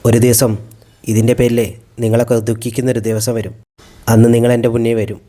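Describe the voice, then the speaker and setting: A man quoting a hurt, defiant young woman in quiet, bitter retorts, voice a little lower and softer. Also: monotone, fairly quick, natural voice.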